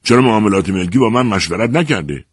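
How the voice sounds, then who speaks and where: A man's voice: on the low side, lively intonation, husky, no room sound, studio quality, pitched above the performer's own voice. A man voicing a rude, suspicious older male neighbor who demands answers.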